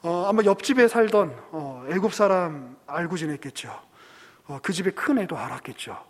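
High-voiced pastor preaching in a hall. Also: male voice, animated, moderate pace. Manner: storytelling with acted quotes and audience asides. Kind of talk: sermon.

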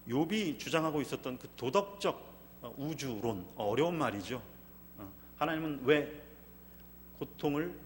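Korean pastor preaching in a reverberant hall. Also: male voice, mid-range voice, a little hiss or hum. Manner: dramatic, voicing anguished prayers then dropping to a calm teaching tone. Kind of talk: sermon. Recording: long reverb from a church hall.

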